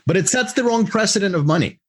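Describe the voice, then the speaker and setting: A middle-aged man who grew up in Russia, a podcast guest and executive coach, answering questions in a casual, halting way with animated bursts. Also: high voice, breathy edge.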